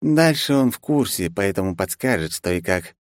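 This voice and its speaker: A man voicing a cheerful, practical man who gives brisk instructions. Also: deep voice, lively intonation, no room sound, clean studio sound. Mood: instructing.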